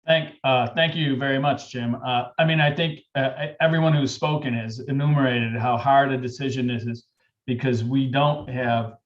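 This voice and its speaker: A man with a mid-pitched voice chairs a public meeting. He is polite and formal but halting as he finds his words, on slightly dull lo-fi audio. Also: steady tone. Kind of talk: unscripted public meeting remarks.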